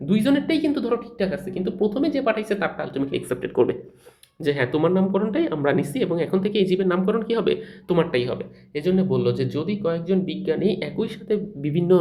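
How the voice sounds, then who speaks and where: A young man delivers a recorded lecture over slides at a rapid clip. His voice is mellow and a little raised in pitch. He talks in a loose, colloquial way, posing questions and answering them himself. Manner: fast, colloquial explaining, asks and answers own questions. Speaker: teacher.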